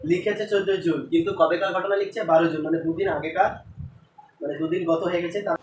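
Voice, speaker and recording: A man's voice: sits high, fairly even intonation, fast, distant mic, noisy background. A male tutor teaching an English lesson in a classroom, explaining line by line and quizzing the class. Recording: roomy classroom taped from afar.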